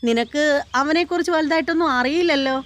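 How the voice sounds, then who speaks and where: Angry young man, sharp taunting retorts, raised voice, high pitch, a woman putting him on. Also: brisk, a little hiss or hum, lightly acted. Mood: scolding. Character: angry scolding young man in a family quarrel.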